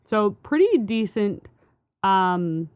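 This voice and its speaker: A woman's voice: mid-range voice, sing-song, slow pace, clear, resonant tone, no echo, phone-quality sound. A woman co-hosting a podcast, explaining a science study in a rambling, casual way with many fillers and restarts. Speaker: podcast co-host.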